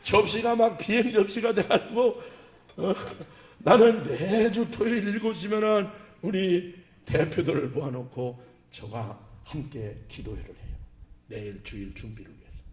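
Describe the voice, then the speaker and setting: A man preaching a revival sermon as a pastor, folksy and joking, swinging from loud exclamations to soft asides. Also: high-pitched, measured pace, a little hiss or hum. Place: church sanctuary. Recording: echoey church hall.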